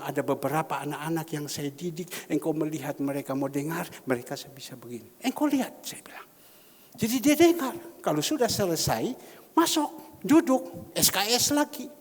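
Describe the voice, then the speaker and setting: A middle-aged man preaching a sermon as pastor, swinging between loud exclamations and hushed whispers. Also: fairly high pitch. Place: large church hall. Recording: long church reverb.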